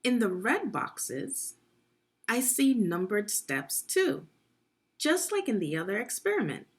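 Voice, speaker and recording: A lively woman with a husky, medium-pitched voice reads slowly for children. As a teacher leading a read-along, she guides young learners through a children's science book, instructing them and prompting them with questions.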